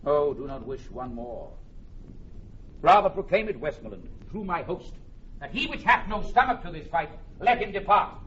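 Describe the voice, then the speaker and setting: King Henry the Fifth, forceful and rousing. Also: on the high side, sing-song, moderate pace. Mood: proud, rousing. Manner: declamatory, swings from hushed to ringing oratory. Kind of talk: classical Shakespearean stage-style acting. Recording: dull band-limited drama recording, background noise.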